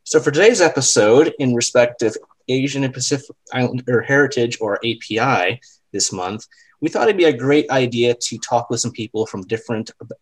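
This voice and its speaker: A man's voice: medium pitch, slightly rough, rough recording. Man hosting a podcast. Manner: eager, with small restarts. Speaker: podcast host. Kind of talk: casual podcast introduction.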